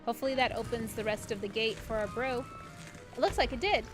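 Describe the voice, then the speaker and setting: Bubbly high-voiced woman streaming a game. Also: fast. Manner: bubbly, giggly, hums along. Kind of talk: live gameplay commentary, reading chat. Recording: game music playing behind.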